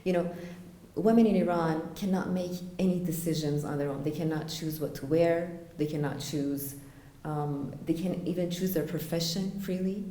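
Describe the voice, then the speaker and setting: A woman from Florida answering interview questions earnestly, with frequent fillers and pauses. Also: on the low side, mellow, roomy sound. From United States (Florida). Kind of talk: conversational interview.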